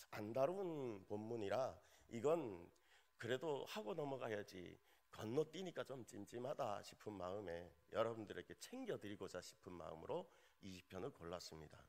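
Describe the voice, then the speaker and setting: A male associate pastor preaching a sermon, joking with the congregation in an animated way. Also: mid-range voice.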